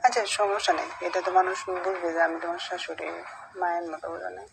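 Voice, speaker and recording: Over a noisy recorded phone line, a middle-aged woman, a mother-in-law, talks privately and casually, hesitant and coaxing, often saying things twice. Her voice sits on the low side and is gravelly, steady in tone, and she talks fast.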